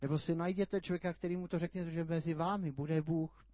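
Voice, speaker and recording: Male preacher, high-pitched, animated storytelling, dry muffled recording. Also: no echo. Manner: animated storytelling, sudden shouts. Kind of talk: sermon. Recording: dull lo-fi sound.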